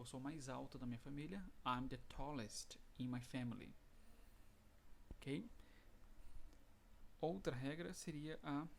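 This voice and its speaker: A man with a Brazilian Portuguese accent, teaching an English lesson online and reading the English examples out slowly. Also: mid-range voice, gravelly, a little hiss or hum.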